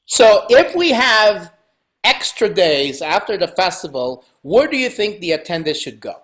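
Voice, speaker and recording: A middle-aged man hosting a casual interview over a video call from home, animated and joking, laughing often. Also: high-pitched, a little slow. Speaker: podcast host. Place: home room indoors. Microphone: video call webcam.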